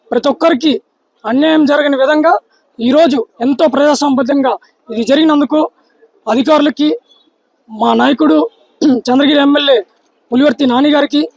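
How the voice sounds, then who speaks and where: A man's voice: very high-pitched, vocal fry, darkish tone, no room sound, low-quality recording. A man giving a political thank-you statement to reporters as a party supporter. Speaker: winning bidder and party supporter.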